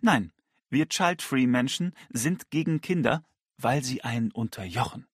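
A man voicing a provocative, disdainful young woman in an audiobook, lecturing in a crisp tone. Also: medium pitch, animated, unhurried, no room sound, clean studio sound.

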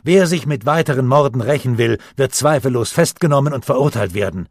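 Male reader doing a stern uncle, firm and lecturing, husky, dry audiobook sound. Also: medium pitch, expressive, a little fast, no echo, voice pushed up. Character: stern middle-aged uncle lecturing his nephew.

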